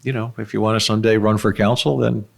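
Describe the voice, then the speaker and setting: Relaxed man hosting a podcast interview. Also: on the low side, fast, vocal fry. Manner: relaxed, conversational questions. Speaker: mayor, podcast host.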